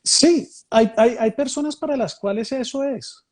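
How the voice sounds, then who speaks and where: A man's voice: extremely high pitch, unhurried, a little mellow. A man, born in Mexico and raised in Colombia, thoughtfully explaining ideas in a conversation, often rephrasing and repeating phrases. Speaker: speaker leading a reflective conversation.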